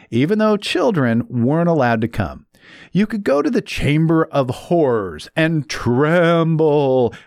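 A man with a wildly animated voice that swoops up and down as he talks, playful and joking. He speaks as a financial planner in a casual chat. The sound is dry and close, with no room around it. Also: fairly high pitch, gravelly, dry recording. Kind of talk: casual talk about money hoaxes.

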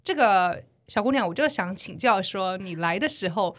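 A man's voice: high-pitched, lively intonation, moderate pace, fairly bright tone. Woman doing a nosy chatty taxi driver. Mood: prying. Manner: probing, overly friendly questions.

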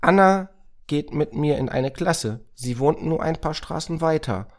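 A man voicing a small, curious boy who asks eager questions in a raised voice and bursts with excitement. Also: on the high side, a little slow, voice pushed up. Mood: excited.

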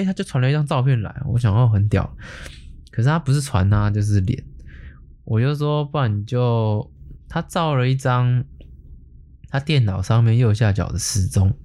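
A man's voice: lowish voice, mellow. A man with a Taiwanese Mandarin accent, hosting a podcast and telling a story in a laid-back, slangy way with mild swearing. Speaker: podcast host. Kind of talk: casual storytelling.

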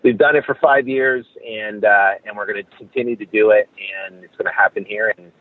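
A man speaking as a podcast guest over a low quality call from his car, eager and rambling with restarts. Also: fairly even intonation, brisk. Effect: low quality call audio over a phone line. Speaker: podcast guest, event organizer. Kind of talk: promotional chat. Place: in a car while driving. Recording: tinny phone line from a car.

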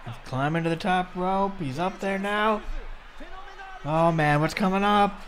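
A man doing casual wrestling commentary as a co-commentator, excitably exclaiming and questioning the action. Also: sits high, measured pace, a crowd in the background.

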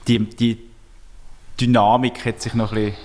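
A man's voice: on the low side, level tone, moderate pace, darkish tone. A man with a Swiss German accent, hosting a casual chat, reflective and hesitant as he searches for words. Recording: reverberant room.

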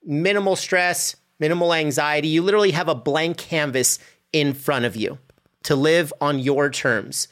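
A man's voice: on the high side, normal speed, fairly bright tone. A man hosting a podcast, asking an upbeat closing question and reading the sign-off. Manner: upbeat, encouraging, promotional. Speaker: podcast host. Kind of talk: podcast interview and outro.

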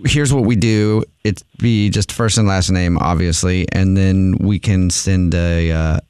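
A man's voice: deep voice, fairly even intonation, unhurried, darkish tone, clear, resonant tone, dry recording. A man hosting a radio show, making a prank phone call in a casual, chuckling way with lots of fillers. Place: radio studio.

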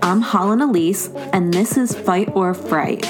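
A woman's voice: medium pitch, unhurried, music in the background. A woman with an American accent hosting a true crime podcast solo, telling stories in a chatty, informal way with casual swearing.

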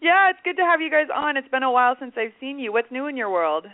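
A woman's voice: sits high, big pitch swings, quick pace, dry recording. Female radio host, chatty and effusive, dry phone-quality audio. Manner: effusive, informal. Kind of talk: casual chatty interviewing.

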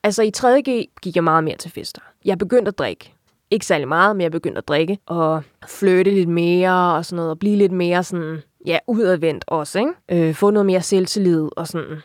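Young woman interviewee, lowish voice, open and reflective storytelling. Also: no echo, clean studio sound. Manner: reflective and open, frequent filler tags. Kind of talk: candid personal account.

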